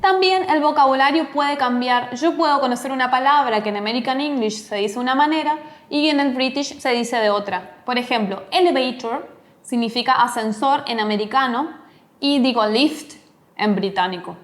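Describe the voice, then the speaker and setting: A woman teaching an online English lesson, explaining step by step and modeling words aloud. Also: high-pitched. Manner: explains slowly, demonstrates English pronunciation.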